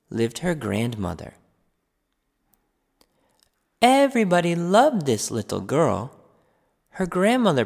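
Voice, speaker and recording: Slow, expressive male storyteller. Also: mid-range voice, vocal fry, long reverb tail. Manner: slow, lively, expressive reading. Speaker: storybook reader. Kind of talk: children's story narration.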